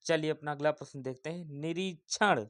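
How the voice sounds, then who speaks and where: A man's voice: fairly high pitch, normal speed, a bit bright. A man teaching an exam-prep spelling lesson, repeating each word and asking viewers questions.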